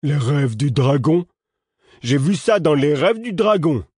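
A big, simple-minded man who whines like a scared child, his voice pitched high and bright with worry, a male narrator doing him. He sounds wary of everything around him. The reading is dry and close to the mic. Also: sing-song, measured pace, no echo. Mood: startled. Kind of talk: audiobook character voice.

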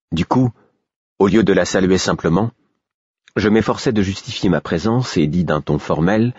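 Deep husky male audiobook narrator. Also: no room sound. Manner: measured, even reading. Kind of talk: scripted first-person literary narration. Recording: dull, dry lo-fi recording.

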